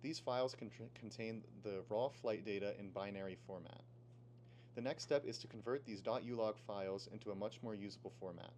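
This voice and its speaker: Fast-talking teenage boy presenter. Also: fairly low pitch, slight background noise. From Pennsylvania. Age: teens. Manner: steady, read-aloud explaining. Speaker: student presenter. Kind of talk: scripted project presentation.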